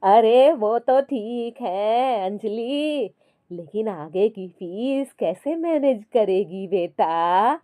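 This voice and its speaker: Fields: Figure: a woman voicing a stern old mother-in-law. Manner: slow scolding. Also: fairly high pitch, lively intonation, mellow.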